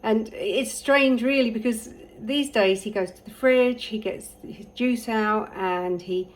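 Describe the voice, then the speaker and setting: A middle-aged woman talks casually to camera as a parent. She shares advice through stories, filling pauses with ums and breaking into small laughs. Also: fairly high pitch, poor audio. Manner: warm storytelling, laughs often, many ums.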